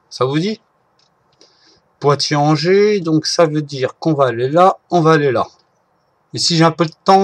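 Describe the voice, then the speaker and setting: A man giving casual, halting commentary while driving in a game, often stopping to correct himself. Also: a little high. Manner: hesitant, halting, often restarts and apologizes. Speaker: gameplay video maker.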